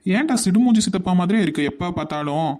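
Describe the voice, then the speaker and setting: A man's voice: sits high, animated, fast talker, a little mellow, a little hiss or hum. A voice actor playing a cheeky, carefree young man who teases his brother in a Tamil cartoon. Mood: teasing. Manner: playful and teasing.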